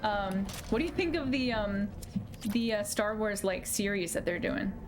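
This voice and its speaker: A woman game streamer giving casual commentary, chatty, jittery and expressive. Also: mid-range voice, normal speed. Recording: clear background game noise. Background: video game action.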